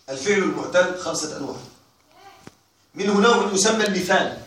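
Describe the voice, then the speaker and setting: A male teacher giving a classroom grammar lecture, repeating and drilling examples slowly and quizzing his students. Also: high voice, fairly bright tone, a little hiss or hum. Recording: very echoey room, mic far off.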